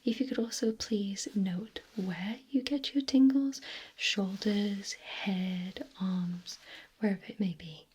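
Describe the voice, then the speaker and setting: A woman performs a whispered role-play as an ASMR clinic examiner. Her voice is an airy, unvoiced whisper with very little tone in it. She takes her time, phrasing things gently and softly, as if questioning a patient. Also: mid-range voice, steady tone, takes it slowly, husky.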